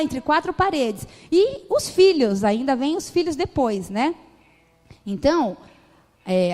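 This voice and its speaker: A woman's voice: on the high side, in a large hall. A young adult Brazilian woman pastor preaching a sermon in church, telling stories animatedly and acting out family arguments. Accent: Brazilian Portuguese. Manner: animated storytelling, acts out family dialogue. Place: church hall.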